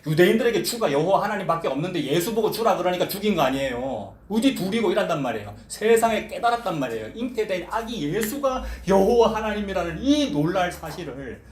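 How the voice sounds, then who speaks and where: A man's voice: sits high, big pitch swings, fast, hardly any pauses, reverberant, a little hiss or hum. A man preaching a sermon as pastor, asking the congregation questions and acting out quoted voices. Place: church sanctuary.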